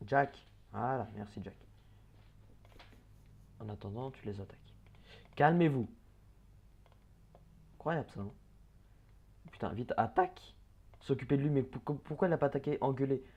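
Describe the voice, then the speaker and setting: A man giving casual gameplay commentary, chatting, swearing and muttering quick orders at the characters on screen. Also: mid-range voice, gravelly, dark tone, slightly rough, highs cut off. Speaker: let's play gamer.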